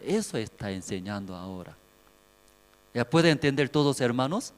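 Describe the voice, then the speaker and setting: A male missionary pastor preaching at a Bible seminar, with slow, simple phrasing and many rhetorical questions to the audience. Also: mid-range voice. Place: Bible seminar hall in a cold city. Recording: long hall reverb.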